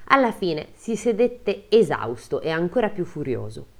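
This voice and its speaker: Woman, podcast host, reading a folk tale, low voice, lively intonation, laughs easily. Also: moderate pace, creaky. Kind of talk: storytelling with joking asides.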